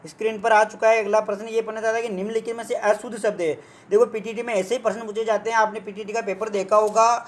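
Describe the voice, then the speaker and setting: A man's voice: high voice, darkish tone. A young man teaching an online exam prep lesson, repeating himself and acting out his students' doubts before answering them. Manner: acts out students' doubts in a mock voice. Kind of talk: online test walkthrough lesson.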